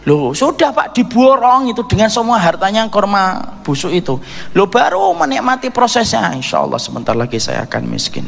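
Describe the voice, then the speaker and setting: A man delivers a midday radio sermon, telling stories, acting out dialogue, and calling his listeners "Pak." His high, gravelly, fairly bright voice is sing-song and fairly quick, with a big-room sound suggesting a radio studio or mosque hall.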